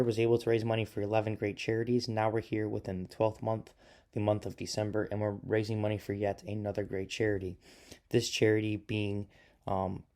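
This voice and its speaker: A man's voice: on the low side, dark tone. A man hosting his own podcast, talking loosely in a casual solo monologue with a lot of filler words. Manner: loose and rambling, many fillers. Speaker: podcast host.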